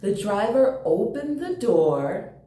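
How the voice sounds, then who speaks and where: In an animated read-aloud for young children, with chatty asides and plenty of questions, the host speaks at a medium pitch, very lively yet slow, with a dark tone. The recording has a roomy, echoing quality.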